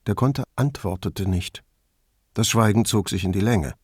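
A man calmly narrating an audiobook in an even storytelling manner, close to the microphone. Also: fairly low pitch, unhurried, slightly rough, no echo. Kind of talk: scripted narration.

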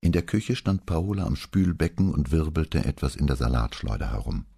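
Extremely deep, gravelly male narrator. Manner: calm, measured storytelling. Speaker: audiobook narrator. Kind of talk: scripted narration.

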